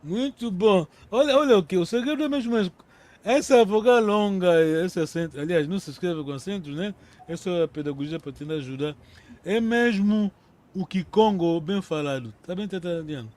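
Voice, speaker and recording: A man's voice: high voice, animated, moderate pace, a little mellow. A man teaching a language lesson, patiently repeating words and correcting his students' pronunciation.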